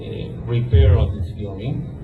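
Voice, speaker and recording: A man in his fifties from Chile, with a Chilean Spanish accent, giving an earnest, halting speech with frequent restarts to an audience at a book presentation. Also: mid-range voice. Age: 50s. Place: historic mansion event space. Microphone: handheld microphone. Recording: distant, echoey, dull sound with loud music.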